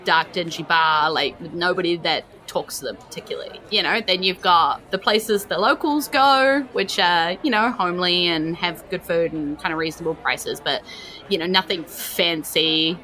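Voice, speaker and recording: With a lowish, bright and forceful voice at a moderate pace, this New Zealand woman acts as game master for a tabletop session. She talks casually and colloquially, building descriptions on the fly, while music plays behind her on a rough recording.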